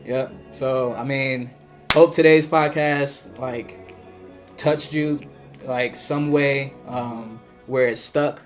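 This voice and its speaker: A man's voice: medium pitch, slow. Young man, from New York, podcast co-host, laid-back motivational chat, music underneath. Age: young adult. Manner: relaxed, motivational, peppered with "you know".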